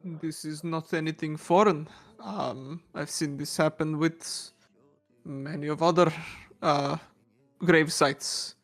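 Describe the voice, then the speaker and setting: Slow, halting male dungeon master. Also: fairly high pitch, steady tone, faint music behind. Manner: hesitant, many fillers, descriptive. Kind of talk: narrating a tabletop game.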